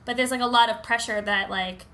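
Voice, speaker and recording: A woman's voice: fairly high pitch, steady tone, brisk, pushed and bright. A young adult woman co-hosting a podcast, telling stories casually and peppering her talk with "like". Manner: frequent "like" as filler. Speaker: podcast co-host. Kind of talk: casual chat and storytelling.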